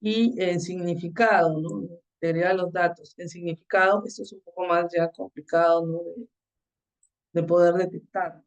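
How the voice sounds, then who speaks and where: A course instructor giving a recorded lecture on the slides, explaining step by step and often checking in with a quick tag question. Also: medium pitch, steady tone, far from the mic, low-quality recording.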